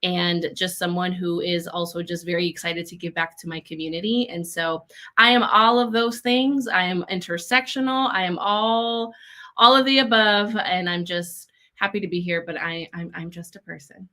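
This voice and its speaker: A young woman from Chicago who grew up in Minnesota appears as a guest in a casual video call interview about the community leadership program she leads. Her voice is lowish, bright, and forceful, with fairly even intonation at a normal speed, and she sounds earnest and upbeat, using lots of fillers.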